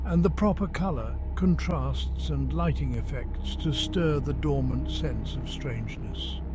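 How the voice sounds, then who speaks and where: A man voicing an agitated, confiding gentleman in a dramatic first-person horror audiobook narration, conversational and emphatic. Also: mid-range voice, close to an everyday voice. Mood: confiding, intense. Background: music under the voice.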